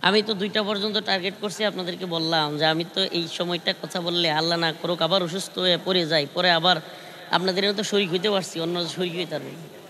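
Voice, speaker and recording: A man delivers a night-time sermon to a large gathering, his high, bright voice ringing through a public-address system with long reverb. He rouses the crowd with calls and shifts into sung chanting for the Arabic verses. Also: steady tone, a little fast. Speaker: preacher. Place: large outdoor religious gathering.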